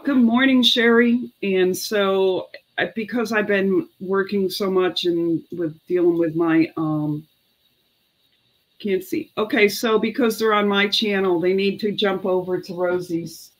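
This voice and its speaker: A woman's voice: medium pitch, steady tone, measured pace, rough recording. A middle-aged woman chatting casually and unhurriedly as she sells items on a live online sale, sometimes muttering counts to herself. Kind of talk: casual live selling chat. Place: indoor room with clothes racks.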